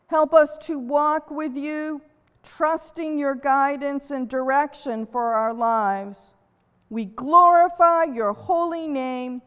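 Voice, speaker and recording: A woman leading prayer and reading scripture at a church pulpit, steady and earnest, from a distant camera. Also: high voice. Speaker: worship leader. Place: church sanctuary. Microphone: far camera at pulpit. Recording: reverberant church from afar.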